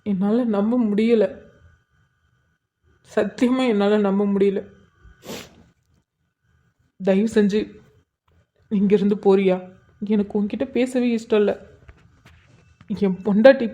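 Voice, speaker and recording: A woman's voice: mid-range voice, fairly even intonation, a little slow, pauses often, warm tone, natural voice. A woman voicing a grieving, hurt young husband in an emotional cartoon drama. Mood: heartbroken. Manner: emotional, tearful. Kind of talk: cartoon voice acting.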